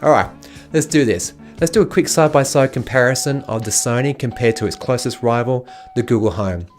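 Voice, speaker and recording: A man's voice: mid-range voice, a little fast. Man reviewing gadgets over music. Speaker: tech reviewer and video host. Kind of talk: casual product review narration. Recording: music playing behind the voice.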